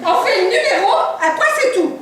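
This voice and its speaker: A woman's voice: very high voice, big pitch swings, a little fast. A woman playing a magician's assistant in a comedy sketch. She talks back in a protesting, exasperated way from inside a closed, resonating box. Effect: speaking from inside a closed, resonant box. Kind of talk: comic stage sketch. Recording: very echoey, distant, noisy recording.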